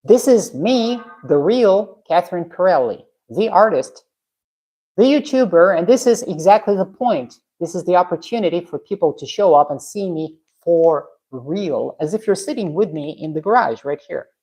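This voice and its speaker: With a lowish, dark and husky voice, this woman speaks expressively at normal speed. She's a Russian livestream host chatting from her home garage and answering comments, blunt and frank, and she restarts often.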